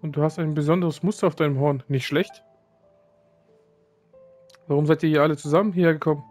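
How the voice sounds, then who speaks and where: A man's voice: a little high, steady tone, a little fast, darkish tone, faint music behind, lightly acted. A man reading aloud the lines of a woman who looks after young saurians. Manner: reads game lines aloud, with slips.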